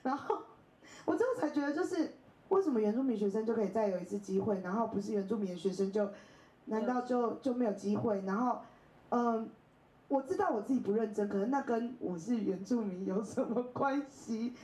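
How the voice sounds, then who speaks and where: An animated invited speaker, a woman in her thirties from Taiwan, tells personal stories in a bookstore event space, often laughing and performing the voices of people she quotes. Her voice runs on the high side and a little fast. The room echoes and the audio is poor.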